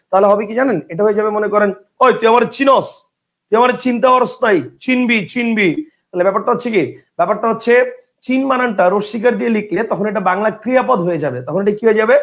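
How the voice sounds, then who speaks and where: A Bangladeshi man teaching an online grammar class, his voice pitched high with a gravelly edge. He talks casually, repeats each rule several times, and keeps asking the students whether it is clear. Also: quick pace. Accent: Bangladeshi colloquial Bengali. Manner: chatty, repetitive drilling, checks if students understand; reads out student questions from chat. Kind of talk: online exam-prep class.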